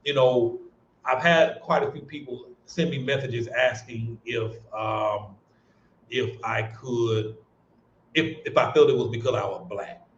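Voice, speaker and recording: A man's voice: mid-range voice, steady tone, a little slow, slight background noise. An American man hosting a casual livestream, talking earnestly with lots of restarts and fillers. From United States. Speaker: livestream host. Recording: roomy, dull-sounding stream audio.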